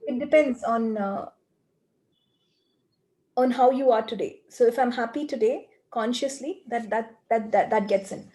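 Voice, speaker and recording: Speaking at a fairly high pitch, a woman leads a group coaching call with earnest explanations, occasionally slipping into quiet, rapid repeated phrases.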